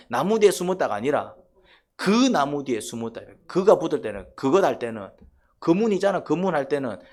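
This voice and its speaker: A pastor with a Gyeongsang accent preaching a sermon, full of rhetorical questions and emphatic prodding of his listeners. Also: medium pitch. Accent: Gyeongsang Korean. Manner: colloquial, acts out quotes.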